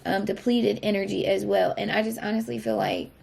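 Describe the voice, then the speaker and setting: A woman's voice: medium pitch, very animated, a little fast, vocal fry, a little mellow. A woman doing a casual tarot reading, rambling and correcting herself as she goes, often asking if it makes sense. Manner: rambling, self-correcting, frequent fillers; asks the viewer if it makes sense. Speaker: tarot reader.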